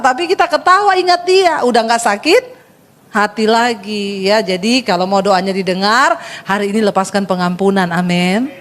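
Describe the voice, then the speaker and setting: A woman's voice: on the high side, in a large hall. A woman pastor preaching a sermon, telling funny stories and speaking directly to her congregation. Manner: humorous storytelling, acts out dialogue.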